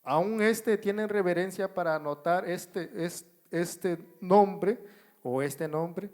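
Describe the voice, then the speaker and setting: A man with a Mexican Spanish accent teaches a Bible study to a congregation, speaking at an unhurried pace. His voice sits fairly high for a man. He repeats himself and often stops to check that his listeners are following. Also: a little mellow. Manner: addresses the congregation as brothers, asks if they follow; writes on a board while explaining. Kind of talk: slow, repetitive Bible teaching. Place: church.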